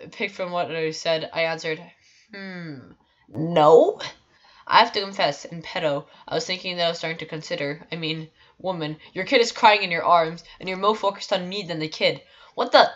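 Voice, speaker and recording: A young woman with a low voice reads a story aloud on a live stream. She stumbles often and restarts her sentences. The audio is dull and lo-fi. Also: steady tone, brisk, few pauses, fairly bright tone. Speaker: streamer reading stories aloud.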